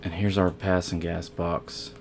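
A man with a low voice hosts a casual let's play, talking straight to his viewers as he plays. He rambles and corrects himself mid-sentence, filling gaps with easygoing chatter. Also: flat delivery, measured pace, darkish tone. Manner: rambling, self-correcting, talks to viewers while playing. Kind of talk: casual gameplay commentary.

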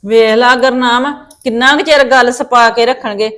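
A woman's voice: fairly high pitch, fairly even intonation, moderate pace, fairly bright tone, close to an everyday voice. A woman playing a stern old grandmother who fusses over her grandson and scolds her daughter in a family drama. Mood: worried. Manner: scolding and fussing. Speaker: maternal grandmother. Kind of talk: Punjabi family drama acting.

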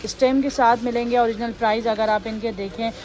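Her voice on the high side and a little mellow, a woman vlogger speaks fast and steadily as she tours a large, busy clothing warehouse indoors. She's upbeat, repeats fillers, and shows off the stock while store noise fills the background.

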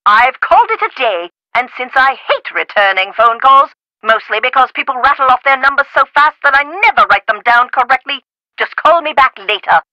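A woman's voice: high voice, animated, moderate pace, sharp tone, no echo, lo-fi sound. An actress playing an eccentric, chatty woman professor in a video game, with a theatrical, grandiloquent and exclamatory way of talking. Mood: breezy.

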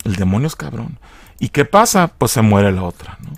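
A man's voice: medium pitch, sing-song, normal speed, creaky, dry recording. A man with a Mexican accent casually recapping a film, profane and mocking in a chatty way. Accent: Mexican Spanish. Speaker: film reviewer.

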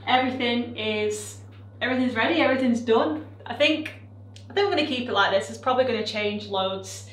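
A young woman with a fairly quick, somewhat high voice chats and laughs through a casual vlog while assembling her home gym, swearing under her breath as she works. She's a vlogger and personal trainer, filming in a basement gym with bare brick walls. The camera sits on a tripod across the room, so the sound is distant and echoey, with light music playing.

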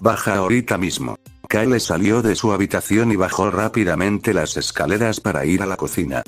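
Low-voiced male fan-story narrator, dry read, faint music bed. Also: brisk. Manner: reads stage directions plainly.

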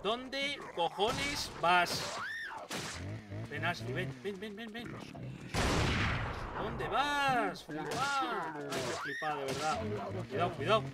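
A man with a Spanish accent from Spain chatters and jokes through a game, his voice high and leaping up and down, breaking into shouts and swearing. He sounds set back from the mic, with loud gunfire behind. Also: takes it slowly, distant mic, heavy background noise. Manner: excitable, swears and shouts at enemies; jokey running chatter. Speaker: gameplay commentator. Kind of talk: casual gameplay commentary.

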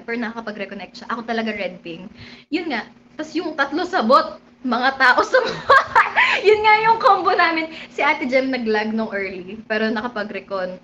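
Young woman, Filipino accent, high voice, animated livestream chatter, slightly dull audio. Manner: giggly, animated storytelling, mixing English and Filipino. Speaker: idol livestreamer. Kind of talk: casual livestream chat. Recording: slightly muffled with faint room hum.

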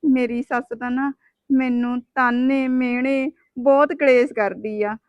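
A woman's voice: high voice, steady tone, unhurried, darkish tone, dry recording, lo-fi sound. A woman playing an unhappy young wife with three daughters who pours out her troubles in a plaintive, complaining manner. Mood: sorrowful. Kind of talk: web drama acting.

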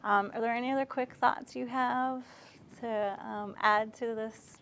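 With a crowd audible behind her, a talk show host from Cape Cod, Massachusetts, chats informally through an interview on an indoor set lined with bookshelves. Her voice is a little high, steady and measured in pace.

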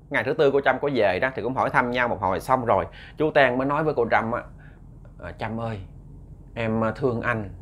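A man's voice: medium pitch, a bit bright, a little hiss or hum. A young man with a Southern Vietnamese accent narrating a ghost story, chatty and speaking straight to his listeners. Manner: chatty, addresses listeners directly. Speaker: storyteller host.

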